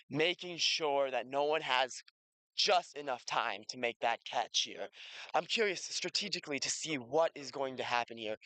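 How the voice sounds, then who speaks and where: A man calling a live match with a bright, forceful voice that sits a little high. He gets excited and climbs in pitch whenever a goal or catch happens. The sound is dry and close. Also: no room sound. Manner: excitable, rises sharply on goals and catches. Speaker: play-by-play commentator. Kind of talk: live sports commentary.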